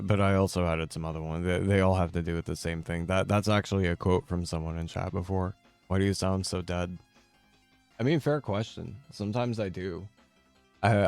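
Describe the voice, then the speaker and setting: A man chatting casually as a game streamer, answering viewers' questions in a laid-back, rambling and halting way. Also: low voice, a little mellow.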